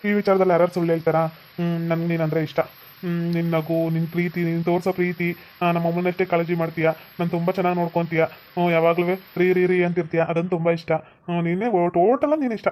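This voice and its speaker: A man voicing a tender young husband in a cartoon, speaking softly and affectionately with a North Karnataka Kannada accent. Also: fairly high pitch, flat delivery, fast, slight background noise, natural voice. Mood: loving. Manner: soft, affectionate, coaxing. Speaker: husband character. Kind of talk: cartoon voice acting.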